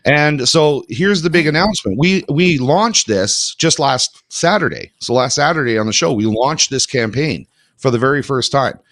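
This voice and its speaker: A man's voice: mid-range voice, animated, normal speed, a bit bright, no room sound. Male morning show host, effusive, repeats himself, dry close sound. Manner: effusive, getting emotional, repeats phrases. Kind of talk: casual morning show chat.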